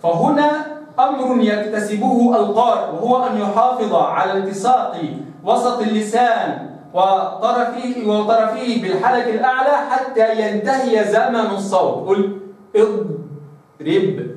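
A man teaching the pronunciation of Arabic letters for Quran recitation, explaining step by step and slowly demonstrating the sounds. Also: high voice, darkish tone, distant mic. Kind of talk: tajweed phonetics lesson. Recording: echoey room, voice somewhat off-mic.

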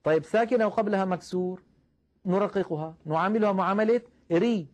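A man's voice: sits high, darkish tone. Patient man teaching recitation. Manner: patient, explanatory, addresses listeners as brothers; slows down to recite example verses. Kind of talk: tajweed lesson.

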